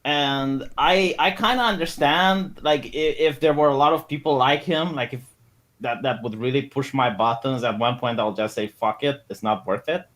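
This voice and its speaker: A man debating on a casual livestream, talking fast with stammered restarts. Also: mid-range voice, fairly bright tone. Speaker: guest debater.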